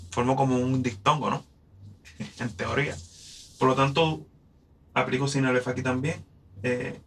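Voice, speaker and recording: A Puerto Rican man teaches verse in a bright, clear voice at an ordinary pitch. He explains each step patiently and counts syllables aloud. His delivery is steady and unhurried. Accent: Puerto Rican Spanish. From Puerto Rico. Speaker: poetry teacher.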